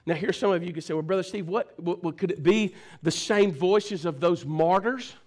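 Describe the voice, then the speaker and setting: A preacher man with a very high, ringing voice, delivering a fervent sermon at a church service. He calls out to the congregation, at times shouting and at times dropping to a hushed, low delivery. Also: normal speed. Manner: swings between shouting and hushed low talk. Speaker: pastor.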